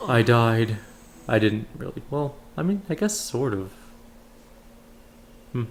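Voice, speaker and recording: A man's voice: mid-range voice, big pitch swings, takes it slowly, background noise. A man hosting a let's play, reading out fantasy game dialogue in character.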